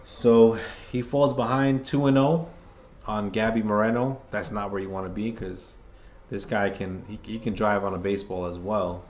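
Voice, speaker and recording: Man, hoarse, casual fan play-by-play host, rambling and opinionated. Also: on the low side, fairly even intonation, moderate pace, a little mellow, muffled recording, a little hiss or hum. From New York. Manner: rambling, opinionated, restarts phrases often. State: hoarse, losing his voice.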